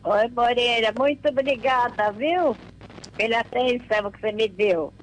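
A Brazilian woman over a hundred years old, thanking a radio host slowly and frailly on a phone call. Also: a little high, slight background noise. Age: 100s.

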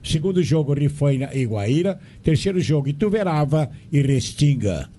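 A male local radio announcer reads community notices and fixture lists. His voice is slightly high but mellow, and he goes through each date and place in a measured way. A faint rumble runs behind it. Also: sing-song.

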